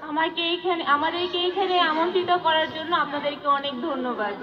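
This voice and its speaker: A woman's voice: very high voice, quick pace, far from the mic. A woman interpreting live for an audience in short colloquial turns, sometimes rephrasing herself. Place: large room with an audience. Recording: echoey room from afar, muffled, crowd noise.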